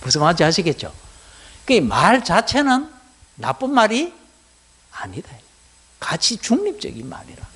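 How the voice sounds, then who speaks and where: A middle-aged man with a Gyeongsang Korean accent lectures on Buddhism to lay students, pitched high for a man. His voice swings widely up and down as he fires rhetorical questions at the class. The delivery stays lively and conversational. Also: measured pace, pauses often, slightly rough. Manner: animated, keeps asking the class rhetorical questions.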